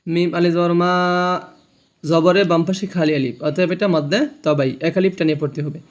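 A man's voice: a little high, fairly even intonation, moderate pace, muffled recording. A man teaching Quran reading, spelling out letters and vowel marks, then drawling each joined syllable for the listener to repeat. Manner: repeats words for the listener to echo. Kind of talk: recorded reading lesson.

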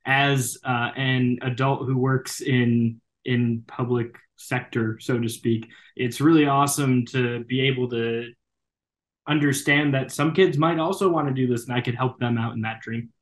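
A man's voice: medium pitch, fairly even intonation, measured pace. A young adult man, a baseball broadcaster, chatting as a podcast guest with lots of fillers and restarts. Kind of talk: casual interview chat.

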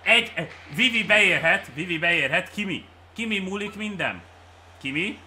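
Bright, excitable Hungarian man streaming. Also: high voice, a little hiss or hum. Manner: shouts and cheers at plays, then mutters quietly. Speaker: streamer playing with viewers. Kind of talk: excited live game commentary.

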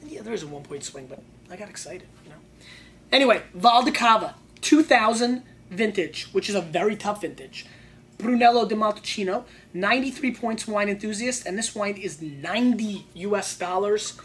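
A woman's voice: mid-range voice, animated, moderate pace. A woman hosting a wine show, giving sommelier-style tasting notes in a colloquial, emphatic way and repeating phrases for emphasis.

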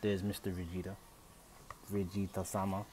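A man's voice: low-pitched, level tone, moderate pace, a little mellow, a little hiss or hum. A man hosting a casual unboxing vlog at home, thinking aloud as he goes, recorded on a phone. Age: adult, father of three. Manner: thinks aloud, unsure and chatty. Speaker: channel host. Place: home room with Christmas tree. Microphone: phone camera.

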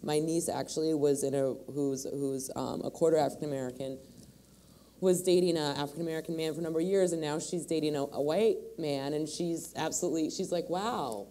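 This panelist, a woman in her forties from Michigan, talks on a stage in a big hall with a deep, mellow voice and a brisk delivery. She's thoughtful but restarts frequently.

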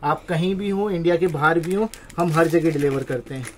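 Indian man giving an emphatic sales pitch. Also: moderate pace, slight background noise. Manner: repetitive, emphatic selling patter.

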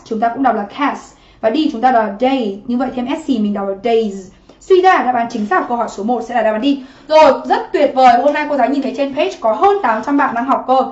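A woman teaching a livestream exam-prep lesson from her home office, chatty and constantly asking students to comment. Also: high voice. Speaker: English teacher. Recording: muffled roomy livestream audio.

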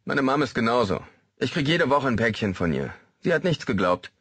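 A man's voice: mid-range voice, very animated, brisk, a bit bright, husky, no echo, pitched above the performer's own voice. A man voicing a male convict who stutters. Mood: complaining.

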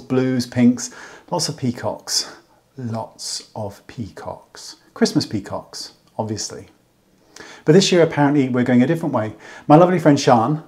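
A man's voice: mid-range voice, a little mellow. Wry chatty man in a roomy room. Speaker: vlogger. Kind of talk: casual chat to camera. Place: home living room, indoors. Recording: roomy echo, faint music behind.

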